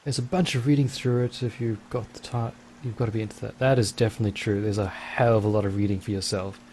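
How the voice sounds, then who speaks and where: A man's voice: on the low side, darkish tone, a little hiss or hum. A man casually commentating his own gameplay, rambling and thinking aloud. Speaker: let's play host.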